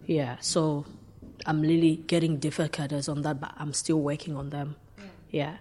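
A woman from Zambia being interviewed, speaking in a halting, hesitant way. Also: deep voice, flat delivery, a little hiss or hum. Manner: halting, hesitant, soft-spoken.

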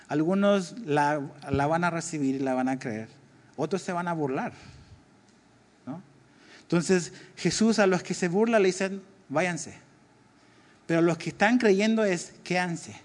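A man preaching a sermon as pastor, in a conversational way, asking his listeners questions. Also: fairly high pitch. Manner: conversational, asks the congregation questions.

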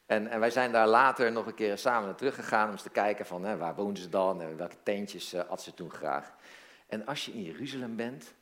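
Lively storytelling male pastor. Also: fairly low pitch, brisk. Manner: storytelling, engages listeners with questions; repeats words as he searches. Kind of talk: sermon.

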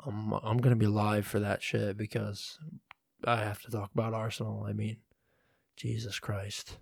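A young man hosting a casual solo podcast from home at night, talking in a hushed voice and rambling with frequent swearing, recorded on a phone. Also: fairly low pitch, little pitch movement, moderate pace, creaky, dry recording, clean studio sound. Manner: hushed, quiet delivery. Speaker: podcast host.

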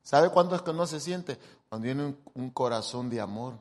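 Man, middle-aged preacher, comic sermon, very animated delivery, long church-hall echo. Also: mid-range voice, moderate pace. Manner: jokey, animated, acts out quoted people. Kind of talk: humorous sermon.

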